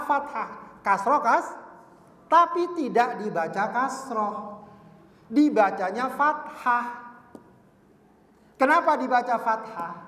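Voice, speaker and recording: A male Islamic teacher giving a study lesson, quizzing his listeners and slowly repeating Arabic words. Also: high voice, a bit bright. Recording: roomy hall from far off.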